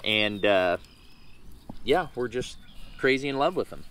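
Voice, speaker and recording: Slightly hoarse man, halting and folksy. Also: medium pitch, animated, noisy background. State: slightly hoarse, recovering from a lost voice. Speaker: truck owner and vlogger. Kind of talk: casual vlog update.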